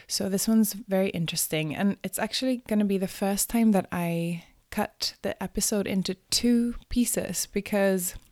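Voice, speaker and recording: A woman hosting a podcast, talking softly and sometimes dropping to a near whisper between cheerful greetings. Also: mid-range voice, normal speed, few pauses, no room sound, studio quality. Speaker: podcast host. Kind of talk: podcast interview.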